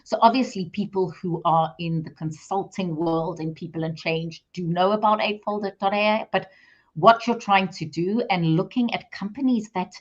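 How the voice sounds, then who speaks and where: On a live video call, a middle-aged woman hosts an interview in a chatty, enthusiastic, talkative way. Her voice sits lowish, and the audio comes across dull.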